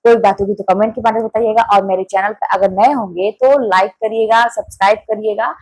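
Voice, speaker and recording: A woman's voice: medium pitch, fairly even intonation, brisk, darkish tone, breathy edge, dry recording, low-quality recording. A woman giving an earnest, insistent motivational talk to her channel's viewers, repeating her points for emphasis. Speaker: motivational YouTuber. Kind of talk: casual motivational talk to camera.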